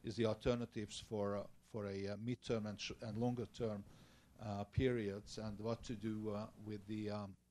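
Hesitant Hungarian man, low voice. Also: level tone, moderate pace, a little mellow, a little hiss or hum. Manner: hesitant, many filler sounds and restarts. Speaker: panelist, former energy minister. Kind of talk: conference panel remarks.

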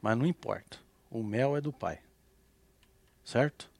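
A man's voice: medium pitch, animated, unhurried, creaky, a little mellow, no room sound. A man co-hosting a gossip show, laid-back, agreeing and cracking jokes. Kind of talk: relaxed celebrity gossip chat.

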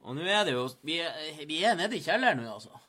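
Man co-host, bright tense tone, playful and laughing. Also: fairly high pitch, big pitch swings. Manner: laughing, playful, swears casually. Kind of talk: casual sports talk show.

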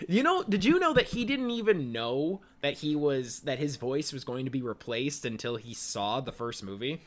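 Brief: young male podcast co-host, drowsy and easygoing, bright tone, swings up and down in pitch. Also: sing-song, normal speed. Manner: laid-back, laughs often, rambling with fillers. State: tired and sleepy. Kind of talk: casual chat.

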